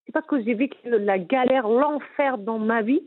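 A woman's voice: a little high, normal speed. Moroccan accent woman, middle-aged, emphatic interview talk, lots of restarts, sounds like over the phone. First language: Moroccan Arabic. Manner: earnest, emphatic, frequent restarts. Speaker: interviewee, businesswoman. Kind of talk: candid personal interview. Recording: phone-like narrow band.

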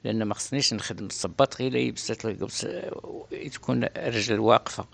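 A man's voice: on the low side, fairly even intonation, very fast, vocal fry, a bit bright. A middle-aged man with a Moroccan accent answers interview questions about his craft in a casual, plain-spoken way, often repeating himself. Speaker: orthopedic shoemaker being interviewed.

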